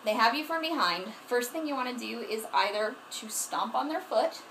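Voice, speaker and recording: A woman's voice: fairly high pitch, expressive, moderate pace, fairly bright tone, a little hiss or hum, poor audio. A woman giving self-defense tips to her camera at home in a frank, earnest way, often restarting herself. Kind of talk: casual instructional talk to camera. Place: at home, moving around in front of the camera. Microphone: camera mic, distance changing as she moves.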